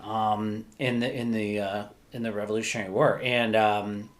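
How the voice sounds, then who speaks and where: On a casual podcast, a male co-host with a fairly low voice talks at a normal speed in a level tone. He thinks aloud in a rambling way and keeps correcting himself partway through sentences.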